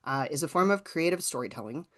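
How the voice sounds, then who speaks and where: In an informal online workshop, a writing teacher with a Canadian accent explains things conversationally. Hailing from rural southwestern Ontario, Canada, she is an animated, fast talker with a medium-pitched voice.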